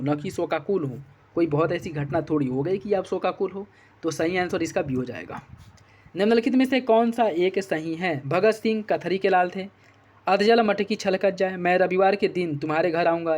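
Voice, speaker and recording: Male exam tutor, somewhat high voice, methodical and repetitive in his explanations. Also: a little mellow. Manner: repeats answers with "ठीक है" checks. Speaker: exam prep teacher. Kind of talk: explaining test answers.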